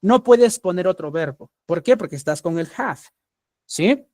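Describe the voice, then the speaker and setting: Patient Peruvian teacher, dry close sound. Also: male voice, sits high, animated, a little slow, a little mellow, dry recording. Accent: Peruvian Spanish. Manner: patient, keeps checking understanding with rising "¿sí?". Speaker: English teacher. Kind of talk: online class explaining grammar.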